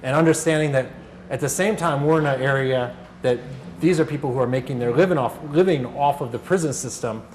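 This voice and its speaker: In a workshop room, a man speaks briskly in a medium-pitched, darkish voice, giving a casual talk as a radio organizer. He chats and recounts stories in reported dialogue, and background noise is clearly audible.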